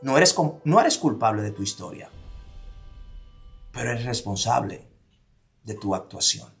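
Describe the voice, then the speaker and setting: A motivational speaker, a man with a Dominican accent, hammers his listeners with one rhetorical question after another. His voice sits at an ordinary pitch, and he swings from forceful lines down to hushed ones. Light music plays quietly beneath him. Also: big pitch swings, unhurried, gravelly. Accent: Dominican Spanish. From Dominican Republic. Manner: emphatic, fires repeated rhetorical questions, drops to near-whispers for stress. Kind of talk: motivational talk.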